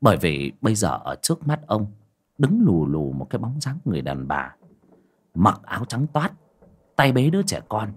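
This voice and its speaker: A man narrating a ghost story in a lively, colloquial storytelling manner. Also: on the low side, moderate pace, slightly rough.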